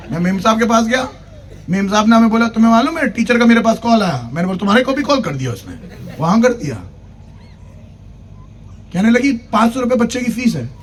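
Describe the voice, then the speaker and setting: ऊँची आवाज़ वाला जोशीला पादरी. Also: male voice, high-pitched, a little hiss or hum. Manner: storytelling with humor, acting out dialogue; exhorting the congregation to clap. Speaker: pastor. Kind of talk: sermon. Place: church convention.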